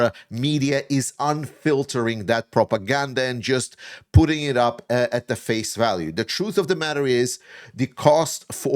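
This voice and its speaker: A man from Latvia, a native Latvian speaker, hosting opinionated news commentary in English, frank and sarcastic, with frequent pauses on "uh". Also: mid-range voice. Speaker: commentary channel host.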